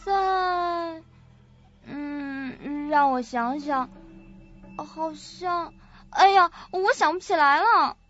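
In a radio play, a woman voices a sweet, naive, childlike young woman who has just awakened and is forgetful. Her extremely high voice moves unhurriedly and hesitantly through each phrase, with a dreamy mood. The dry, muffled lo-fi recording carries soft background music.

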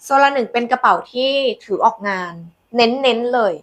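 A woman hosting a live sales pitch, demonstrating products in a chatty, coaxing way with polite endearments to customers. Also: moderate pace, fairly bright tone. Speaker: live-selling host presenting handbags.

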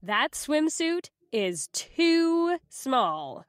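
A woman voicing a polite, firm adult lifeguard in a language-app story, speaking slowly and clearly. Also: high-pitched, very animated, dry recording, clean studio sound, exaggerated voice. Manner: slow, clear, evenly spoken learner-app delivery.

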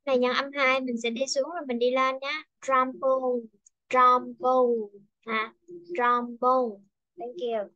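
A woman teaching English pronunciation in an online class over a video call. She patiently models each word slowly and clearly. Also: high-pitched, level tone, sharp tone, no echo, muffled recording.

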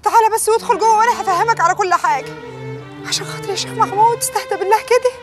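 Very high-voiced village woman, scolds quick. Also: music in the background. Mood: pleading. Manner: scolding, coy protests. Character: sharp-tongued village woman, pious and defiant. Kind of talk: television drama acting.

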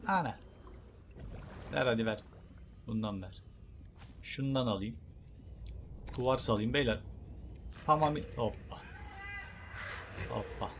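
A young gaming YouTuber offers casual let's play commentary, joking in slang and talking to both viewers and the creatures on screen. His medium-pitched voice moves slowly with frequent pauses, and there's slight background noise.

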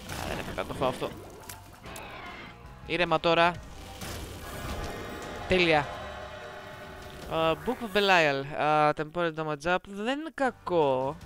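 A woman's voice: sits low, sing-song, pauses often, music in the background. A woman giving casual let's-play commentary, playful and teasing as she chats to viewers on a close microphone. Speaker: gameplay commentator. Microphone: close desk microphone.

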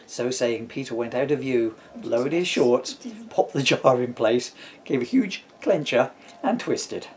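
A man in his fifties, the author of a comic storybook, reads from it playfully on his living room sofa, tossing in wry asides. His mid-range voice is expressive and a little slow. The camera sits a short distance away, and there's a little hiss or hum.

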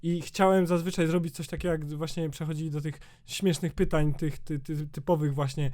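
A man's voice: a little high, steady tone, a little fast, darkish tone. A man in his twenties with a sore throat, ranting casually in a vlog, rambling with lots of fillers and swearing. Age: 20s. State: sore throat, slightly changed voice. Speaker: YouTuber.

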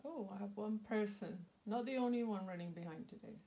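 A woman with a mid-range voice and a slightly sore throat hosts a casual live craft demo at an indoor craft table. She talks slowly and chattily, with lots of ums, and greets viewers by name. The audio is lo-fi.

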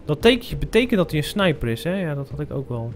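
A man's voice: fairly high pitch, big pitch swings, fast talker. A young Dutch man commenting live on his own gameplay, muttering to himself and swearing at sudden scares. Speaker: gamer streaming a playthrough. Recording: game music playing underneath.

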